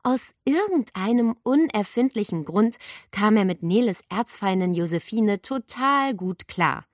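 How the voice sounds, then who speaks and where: A woman reading a children's book aloud with expressive storytelling. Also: medium pitch, unhurried, dry recording, clean studio sound. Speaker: audiobook reader.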